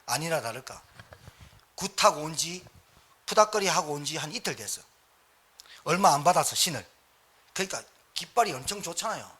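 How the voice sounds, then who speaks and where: A middle-aged male pastor preaching a sermon, telling stories vividly and swinging between loud bursts and hushed lines. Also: a little high, slightly rough. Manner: animated storytelling, acting out scenes, swings between loud and hushed. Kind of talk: sermon with personal storytelling.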